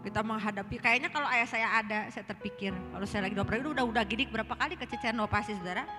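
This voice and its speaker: A woman's voice: fairly high pitch, racing. A middle-aged woman with a Sundanese accent, telling her personal testimony in church and often addressing the listeners directly. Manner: storytelling, keeps addressing listeners as brothers and sisters. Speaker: church member giving testimony. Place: church hall. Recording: echoey hall with guitar music behind.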